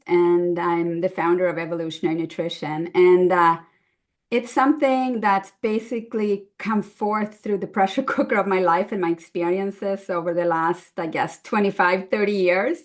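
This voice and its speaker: A Swedish woman in her fifties, a nutritionist appearing as a podcast guest, tells her story casually and chattily. She laughs often and uses plenty of fillers, speaking at normal speed with a medium-pitched voice.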